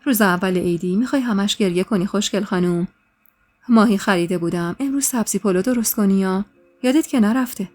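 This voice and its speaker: A woman's voice: mid-range voice, soft background music, lightly acted. Storybook older brother, protective and comforting, played by a woman. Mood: tender. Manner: firm then gentle, comforting.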